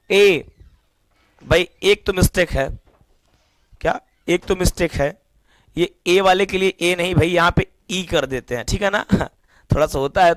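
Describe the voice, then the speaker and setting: A man's voice: high voice, a bit bright, no echo. A young man teaching an English lesson, firing call-and-response questions at his students. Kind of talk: classroom lesson.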